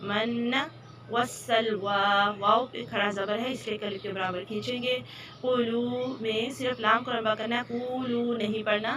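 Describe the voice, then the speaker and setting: A woman's voice: a little high, fairly even intonation, a little fast, few pauses, fairly bright tone, distant mic. A woman teaching a Quran recitation lesson, patiently explaining each sound and repeating the right and wrong way to say it. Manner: patient, instructive, repeats correct and wrong pronunciations. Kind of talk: tajweed lesson.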